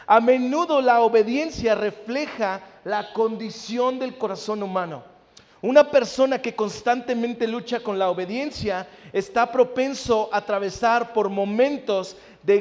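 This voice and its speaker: A male pastor, preaching a sermon, often checking in with listeners and acting out family conversations. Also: sits high. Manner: acts out family dialogue in anecdotes. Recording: long hall reverb.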